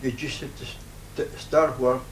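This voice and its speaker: A man in his nineties with a broad Scottish accent, reminiscing informally in a halting, rambling way in dialect. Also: medium pitch, fairly even intonation. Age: 90s. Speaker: interviewee, retired farm worker. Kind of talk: informal oral-history reminiscence. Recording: roomy, noisy, distant microphone.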